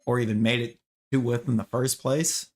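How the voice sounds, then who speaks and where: A man's voice: medium pitch, flat delivery, moderate pace, darkish tone. Opinionated man chatting while gaming. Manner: opinionated, talks to chat viewers; rambling with restarts and fillers. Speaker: streamer. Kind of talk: casual chat while gaming.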